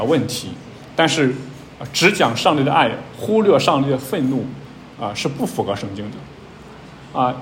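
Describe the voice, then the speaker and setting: A man giving a teaching sermon, talking plainly with many fillers and pushing his pitch up on key points. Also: a bit bright, slight background noise. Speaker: preacher.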